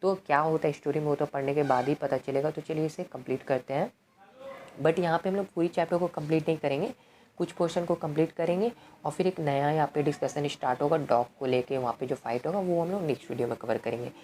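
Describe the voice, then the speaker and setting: A woman's voice: low voice, fast, warm tone, slight background noise. A woman tutor explaining a play in Hindi, reading each line aloud and then explaining it conversationally. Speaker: English literature tutor.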